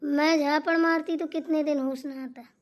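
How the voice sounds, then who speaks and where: A woman's voice: high voice, steady tone, moderate pace, lightly acted. A woman voicing a rowdy daughter-in-law drunk on bhang in a cartoon comedy, hooting and rambling through her grievances. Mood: drunk aggrieved. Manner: slurring outbursts, wild hooting, rambling grievances.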